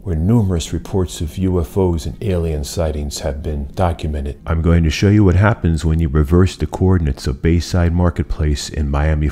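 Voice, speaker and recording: A middle-aged man giving steady, measured scripted narration as a YouTube host, recorded in an indoor studio room facing a desk camera. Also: low-pitched.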